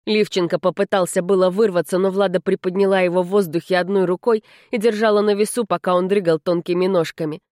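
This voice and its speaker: A woman narrating a fantasy audiobook in a measured, even way. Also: fairly low pitch, no room sound, studio quality. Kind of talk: scripted narration.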